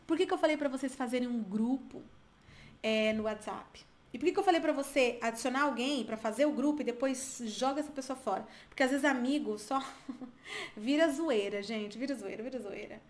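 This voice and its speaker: A bright, high-voiced woman in her thirties with a Brazilian Portuguese accent runs an online English pronunciation lesson. She is lively and chatty and keeps turning to her viewers with quick questions. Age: 30s. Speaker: English teacher.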